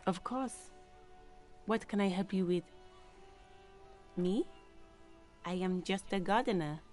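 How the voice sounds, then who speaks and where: An actress playing a polite, calm gardener in a video game, gentle in manner. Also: female voice, mid-range voice, takes it slowly, soft background music, natural voice.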